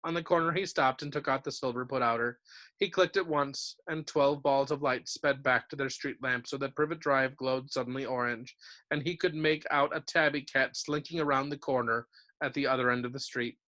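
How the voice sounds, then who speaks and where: A man, a teacher, reading a novel aloud to his class in a steady, clear storytelling manner. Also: medium pitch, normal speed.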